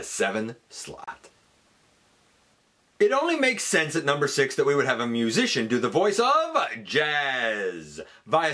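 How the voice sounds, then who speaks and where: Low-ish and pushed, this man's voice comes across bright. He's the host of a countdown video, piling on enthusiastic, theatrical commentary and breaking off for chatty asides.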